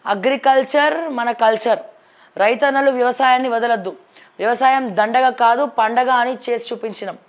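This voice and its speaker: This female newsreader has a Telangana accent and a clearly high-pitched voice. Speaking at a moderate pace, she goes through the headlines and offers chatty, opinionated remarks on each, slipping English words into her speech.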